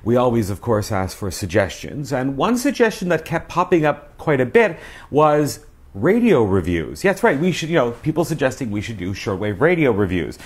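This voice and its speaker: Reviewing casually to camera from a small living room, a forties-aged radio review show host speaks in a chatty, emphatic way. His husky, medium-pitched voice swings widely in pitch at a moderate pace, captured on a lapel mic.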